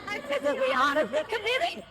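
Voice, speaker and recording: A woman's voice: sits high, big pitch swings, quick pace, a loud crowd, heavy background noise. A woman playing a peppy, wisecracking school lunch lady heroine in a hammy comic skit, full of exclamations. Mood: delighted. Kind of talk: live comic audiobook-style skit.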